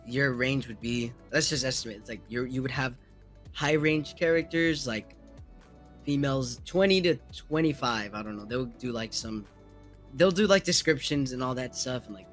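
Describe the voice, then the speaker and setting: A man's voice: mid-range voice, normal speed, fairly bright tone, soft background music. A man guest chatting casually about voice acting, rambling with many fillers. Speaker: guest, aspiring voice actor. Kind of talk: casual interview chat.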